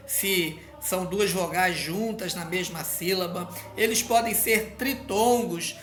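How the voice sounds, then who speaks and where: A man's voice: high-pitched, a bit bright. A man teaching a grammar lesson, patient and checking in often with the learner. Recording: roomy echo.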